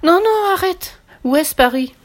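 A woman voicing an indignant, grumpy female shark in a storybook reading, with loud, shrill outbursts. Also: expressive, slow, heavily acted.

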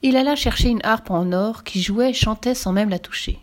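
Lady reading a kids storybook out loud, lively, goes all hushed and whispery at times. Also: on the high side, normal speed. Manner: expressive, dips into soft whispers on quiet passages. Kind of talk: scripted storybook narration.

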